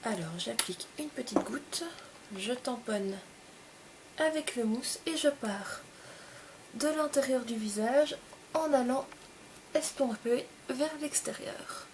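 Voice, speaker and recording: In a relaxed makeup tutorial, a young female presenter talks through each step gently and clearly, stopping briefly between short phrases. Her pitch runs slightly high, with a faint hiss underneath.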